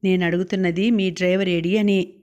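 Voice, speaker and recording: A woman's voice: fairly low pitch, fairly even intonation, fairly quick, darkish tone, lightly acted. A woman voicing a stern, scolding male traffic policeman, in an audiobook.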